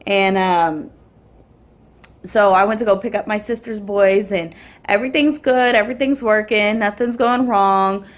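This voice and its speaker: A woman's voice: mid-range voice, a little slow. A woman, casually telling a story to the camera, rambling with many ums and restarts. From Houston area, Texas. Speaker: vlogger and mother.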